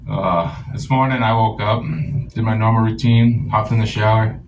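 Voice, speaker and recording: Crude deadpan young comedian. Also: male voice, lowish voice, normal speed, slight background noise, poor audio. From rural United States. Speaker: stand-up comedian. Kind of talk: stand-up set. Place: comedy club.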